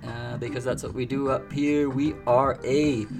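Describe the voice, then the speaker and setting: A relaxed man hosts a record show in a loose, chatty style and laughs easily between thoughts. His voice sits at an ordinary middle pitch. Music plays clearly underneath him the whole time. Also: a little slow. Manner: laid-back and chatty, laughs often. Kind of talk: casual chat. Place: treehouse restaurant and bar.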